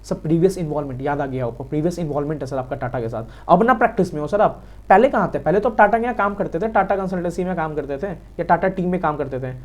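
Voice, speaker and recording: A man with an Indian accent giving a quick exam revision lecture on law, talking fast and repeating key points to his students. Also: fairly high pitch. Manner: quick, repetitive, addresses students as sir. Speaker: law teacher.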